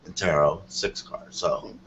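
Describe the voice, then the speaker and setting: This man reads tarot on a call-in program, explaining loosely and off the cuff while rambling and repeatedly checking in with "you know what I mean." His voice is low and a bit bright, with fairly even intonation and a measured pace, captured in dull, noisy lo-fi sound.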